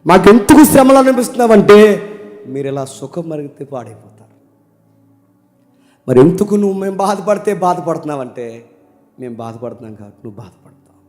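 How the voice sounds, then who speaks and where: A man preaching a sermon, talking casually and then rising into loud, emphatic questions. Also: high voice, big pitch swings, a little fast, long pauses. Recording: long hall reverb with faint music.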